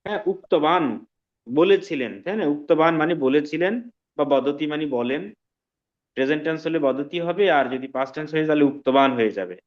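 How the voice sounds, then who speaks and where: A man teaching an online language class, explaining slowly and often checking that students follow. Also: on the high side, expressive, muffled recording. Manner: slow, patient explaining with frequent check-ins to students. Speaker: Sanskrit teacher.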